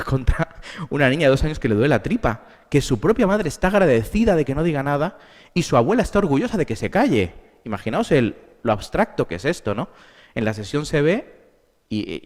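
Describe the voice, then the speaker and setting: A man with a Spain Spanish accent gives a conference lecture, his mid-range voice rising and falling with lively emphasis. He talks to the audience with rhetorical questions, and his words ring out with a long reverb in a big hall. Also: mid-range voice, moderate pace. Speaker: therapist giving a symposium talk.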